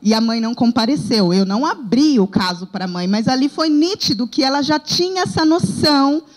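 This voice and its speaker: A woman's voice: high voice, animated, normal speed, poor audio. Earnest Brazilian woman telling a story. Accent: Brazilian Portuguese. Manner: earnest storytelling, reenacting dialogue. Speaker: daycare director. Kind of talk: recounting a classroom experience.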